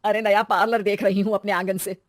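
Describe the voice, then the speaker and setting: A shrewd, patient older mother from a cartoon story, as a woman puts her on, speaking with motherly calm. The voice is mid-pitched, dry and close. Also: fairly quick, no room sound, close to an everyday voice.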